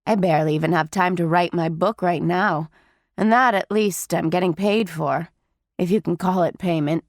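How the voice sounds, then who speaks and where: A woman reading aloud, voicing a proud, selfish middle-aged woman academic with a deep, raspy voice and a cool, dryly dismissive way of talking. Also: moderate pace, no echo, clean studio sound, lightly acted.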